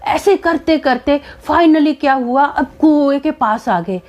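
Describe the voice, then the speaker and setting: A woman's voice: high-pitched, slow pace, darkish tone. A woman animatedly retelling a family ghost story, acting out the scenes as she goes. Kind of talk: spoken ghost story in Hindi.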